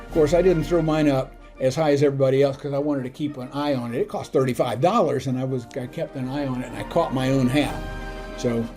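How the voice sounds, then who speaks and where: An older man telling personal stories from his past in a gentle, unhurried way with soft chuckles. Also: mid-range voice, steady tone, soft background music. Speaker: tutorial channel host. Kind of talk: reminiscing storytelling.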